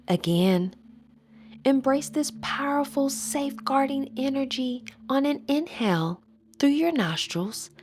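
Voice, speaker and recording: A woman with a high-pitched voice, working as an instructor, leads a scripted guided meditation. She sounds soothing and measured, her phrases trailing off into breathiness.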